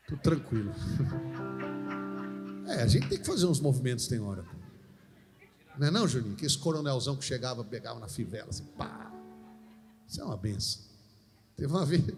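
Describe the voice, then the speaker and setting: A man preaching a lively sermon, telling stories and acting out the dialogue. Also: mid-range voice, in a large hall. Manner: animated storytelling, acts out dialogue.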